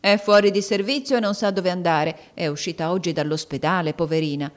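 A woman's voice: fairly low pitch, brisk, lightly acted. Woman doing a curt, wary greengrocer woman. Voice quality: curt, distrustful.

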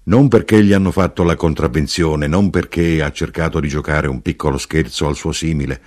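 A man reading a story aloud, voicing a plain-spoken knife grinder who talks in a lively, chatty way. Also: very deep voice, a little fast. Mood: explaining.

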